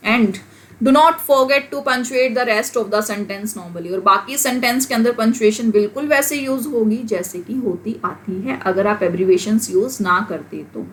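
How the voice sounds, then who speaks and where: A woman with an Indian accent teaching an English class, explaining in Hindi mixed with English and reading the English example sentences out slowly. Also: on the high side. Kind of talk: classroom lecture.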